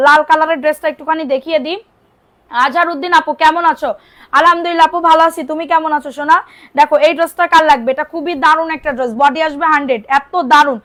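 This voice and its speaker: A woman's voice: high-pitched, a bit bright. A young woman from Bangladesh selling clothes on a live stream, chatting with commenters and repeating prices and calls to order. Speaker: online clothing seller. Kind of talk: live-stream sales pitch.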